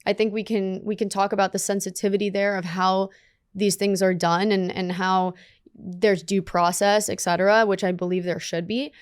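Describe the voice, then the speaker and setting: A young adult woman whose first language was Russian, a student leader, appears as a guest in a conversational studio interview and speaks earnestly and deliberately. Her voice is medium in pitch, level and clean, with no room sound. She's on a dark studio set with sofas, picked up by a studio mic on a boom arm.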